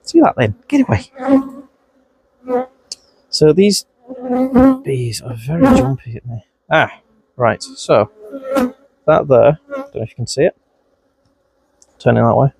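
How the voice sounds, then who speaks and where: Out at his hives in a bee suit, a man with a mild Scouse-Wigan accent narrates a beekeeping vlog, chatting to and scolding the bees as he works, his voice jumping up when startled. His medium-pitched voice is creaky, a little mellow and slightly rough, swooping wildly in pitch at a measured pace with long pauses. The mic is clipped close with bees crawling on it, and there's no echo.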